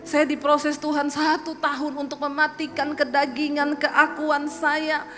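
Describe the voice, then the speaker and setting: A woman pastor from Sulawesi with a Sulawesi accent, telling a lively sermon testimony and acting out the voices in her story. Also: high voice, measured pace, long reverb tail, over music.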